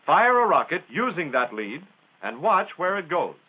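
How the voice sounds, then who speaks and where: The narrator is an American man guiding viewers through a 1940s military training film, instructional and plain-spoken with folksy phrasing. His voice is husky, a little high, and sing-song, moving at a moderate pace, heard through a tinny, band-limited 1940s soundtrack.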